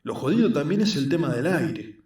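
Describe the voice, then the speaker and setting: A man's voice: very animated, moderate pace, darkish tone. A man voicing an earnest, skinny young man, explaining his craft patiently. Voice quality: squeaky. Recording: roomy echo, mic at a distance.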